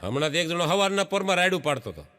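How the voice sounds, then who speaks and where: A man's voice: a little high, sing-song, rapid-fire, fairly bright tone, slight background noise. A man telling jokes on stage, acting out the people in his stories and often laughing. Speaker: stand-up comedian. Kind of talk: Gujarati folk stand-up joke telling.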